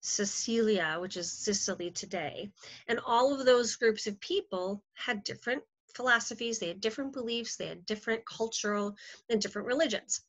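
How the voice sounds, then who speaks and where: A woman's voice: fairly high pitch, normal speed. A middle-aged woman teacher giving a recorded history lecture over slides, chatty and full of ums and self-corrections. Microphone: computer mic, screen recording. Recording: slightly dull lo-fi sound.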